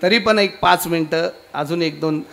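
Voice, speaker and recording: A man with a Marathi accent telling a devotional story in a kirtan sermon, acting out the characters in quoted dialogue and sometimes rising to loud exclamations. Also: fairly high pitch, moderate pace, vocal fry. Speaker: kirtan preacher. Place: festival stage before a crowd.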